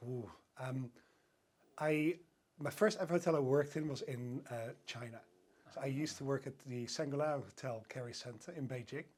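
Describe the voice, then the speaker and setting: A Dutch man from the Netherlands, a hotel sales director, appears as a guest on a podcast for a casual interview chat. He speaks eagerly at a moderate pace in a medium-pitched, slightly mellow voice, with lots of fillers and restarts.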